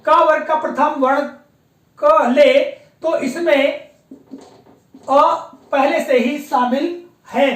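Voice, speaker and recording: A woman teaching a patient, explanatory lesson, often pausing to check that her students follow along. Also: high-pitched, fairly even intonation. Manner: patient, explanatory, often repeats a confirming filler. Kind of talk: classroom-style lecture on pronunciation. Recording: echoey room.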